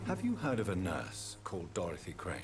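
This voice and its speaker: A man's voice: sits low, huge pitch swings, fairly quick. An actor playing a polite, inquisitive male doctor, asking questions in a formal, courteous way. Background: game music.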